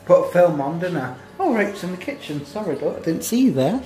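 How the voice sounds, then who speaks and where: A man's voice: high-pitched, big pitch swings, brisk, a little mellow, soft background music, low-quality recording. A man, chatting casually to viewers about feeding his kids, rambling and easygoing. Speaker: vlogger. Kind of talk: casual home vlog chat. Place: small home kitchen and living room. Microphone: phone held at arm's length.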